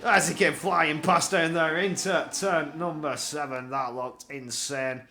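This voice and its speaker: A man giving live play-by-play racing commentary in an excitable manner, repeating phrases for emphasis. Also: fairly high pitch, unhurried, a little hiss or hum. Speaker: esports motor racing commentator.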